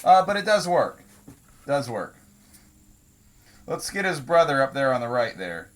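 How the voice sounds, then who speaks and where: A man's voice: medium pitch, very animated, measured pace, background noise. A man hosting a casual demonstration video at an outdoor shooting range, joking in a laid-back way with frequent ums. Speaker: video host.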